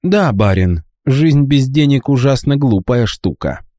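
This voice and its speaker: A cocky, mocking street urchin, cool-headed and scheming, pitched well above a deep adult voice, as a male narrator puts him on. The lively delivery swings widely, and the audiobook sound is dry and close. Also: unhurried, no echo, natural voice. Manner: cocky, mocking, coolly calculating. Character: cheeky cold-blooded street boy, young trickster.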